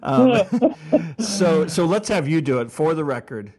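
A man's voice: a little high, very animated, unhurried, crowd noise. A man hosting a podcast interview, chatting casually, laughing often and stumbling over his words. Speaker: podcast host.

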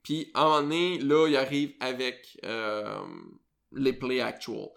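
A man's voice: medium pitch, a little slow, vocal fry, fairly bright tone. A man with a Quebec French accent hosting a podcast, chatting casually and rambling with many fillers and self-corrections. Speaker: podcast host. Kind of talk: casual chat.

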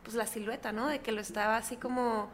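A young woman with a Mexican accent chats casually as a guest in a coworking space, animatedly retelling stories and acting out the voices in them. Her voice is a little high and quick, with slight background noise.

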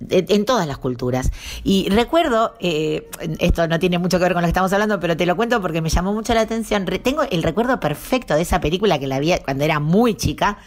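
A woman's voice: lowish voice, expressive, fast. A woman, interviewing a guest with curious, long-winded questions.

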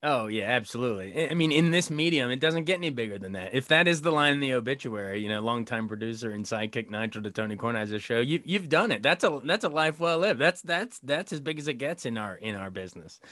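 A man interviewing a guest as an entertainment reporter, enthusiastic and quick to laugh. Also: mid-range voice, expressive, a bit bright, no room sound, clean studio sound. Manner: enthusiastic, laughs often while asking questions. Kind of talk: casual interview chat.

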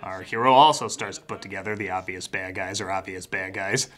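A man's voice: low-pitched, a little fast, fairly bright tone. A man giving a sarcastic comedic film review, jumping into exaggerated mock voices.

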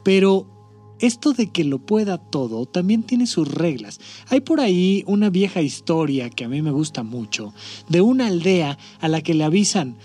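A man hosts a podcast, telling parables in a conversational way and checking in with listeners as he goes. His voice sits slightly high, with soft music faintly underneath. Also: big pitch swings, normal speed. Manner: conversational, asks listeners to agree. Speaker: podcast host. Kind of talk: storytelling talk.

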